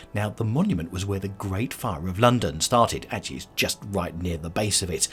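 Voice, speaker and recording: A man narrating a travel vlog as a tour guide, chatty and speaking directly to the viewer. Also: deep voice. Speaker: tour guide and video host.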